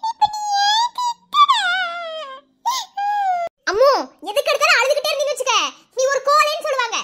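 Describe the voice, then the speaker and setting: Woman voicing a shrill, teasing Madurai village wife. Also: rapid-fire, very noisy. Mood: scolding. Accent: Madurai Tamil. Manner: teasing, scolding banter. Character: sharp-tongued young village wife, teasing, quick to scold. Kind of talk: cartoon voice acting.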